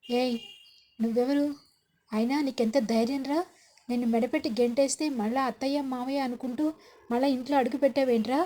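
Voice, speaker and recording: A woman voicing a furious middle-aged mother who shouts insults and threats, in a spoken serial recap. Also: sits high, fairly even intonation, brisk.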